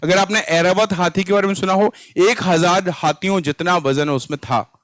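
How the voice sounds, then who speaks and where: Chatty and repeating his questions, an Indian-accented man teaches students English vocabulary in an online lesson for exams. He speaks at a moderate pace in a high-pitched, steady voice with a fairly bright tone, and there is no echo.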